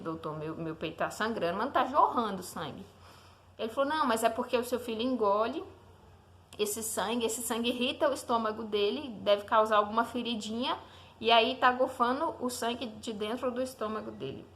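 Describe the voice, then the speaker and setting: A woman's voice: fairly high pitch, fairly bright tone. A young woman, a mother, telling the story of her newborn son as a casual faith testimony, talking to the listener and often asking "né?". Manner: conversational, often asks the listener "né?".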